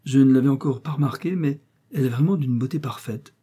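A man voicing a kindly, jovial old gentleman speaking to his relatives at dinner. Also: medium pitch, fast talker, husky, voice pushed up, natural voice. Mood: tender. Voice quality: genial, warm-hearted.

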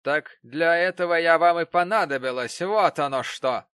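Мужчина-чтец озвучивает насмешливую вспыльчивую пожилую сиделку, которая язвит и кричит. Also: male voice, on the high side, normal speed, smooth, no room sound, pitched above the performer's own voice, close to an everyday voice. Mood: sneering. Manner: sneering, shouting. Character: mocking, bad-tempered old woman nurse.

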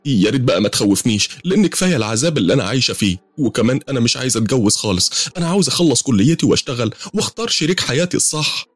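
A man voicing a frightened young female university student in a horror story, pushing his voice high and strained, with an Egyptian accent. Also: very animated, racing, breathy edge, dry recording. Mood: anxious. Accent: Egyptian Arabic.

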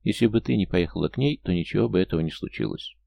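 A man's voice: low voice, expressive, racing, vocal fry, mellow, no echo, full character voice. A male audiobook reader voicing an outraged, protective young woman friend who scolds and comforts in turn. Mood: consoling. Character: agitated young woman, a loyal indignant friend.

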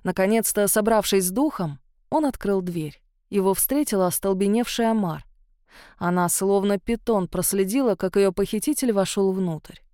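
A woman reads an audiobook in an expressive storytelling manner. Her voice is mellow and middle in pitch, recorded close on a dry mic. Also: normal speed, dry recording. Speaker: narrator. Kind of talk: audiobook narration.

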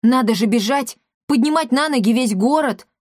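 Woman reading as an excitable young male inventor; raised pitch, eager delivery, dry close mic. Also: moderate pace, no room sound, close to an everyday voice. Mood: excited. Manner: eager, exclaiming.

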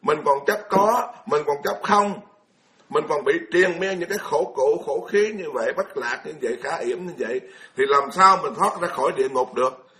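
A man's voice: a little high, normal speed, a bit bright. A man, giving a blunt, colloquial Buddhist sermon full of scolding rhetorical questions. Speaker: Buddhist monk lecturer.

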